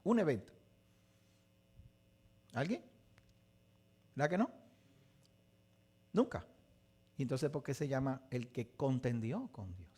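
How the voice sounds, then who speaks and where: A man's voice: medium pitch, takes it slowly, long pauses, breathy edge. A man teaching a live Bible lesson, asking his audience questions and acting out the voices of biblical figures. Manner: animated, asks the audience questions, acts out quotes. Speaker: teacher of a Torah portion study.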